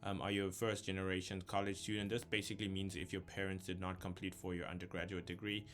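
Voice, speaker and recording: Talking fast in a low, fairly bright voice with little pitch movement, a young man from South Africa casually walks through an online application for his YouTube screen share. He thinks aloud with frequent ums. Faint music plays behind him.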